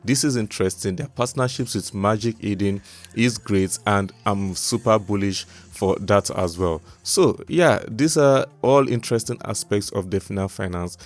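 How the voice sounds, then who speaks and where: Speaking at a moderate pace in a fairly low pitch, this man hosts a crypto channel on YouTube. His vlog is a promotional review delivered like a crypto bro, full of repeated, emphatic pitches.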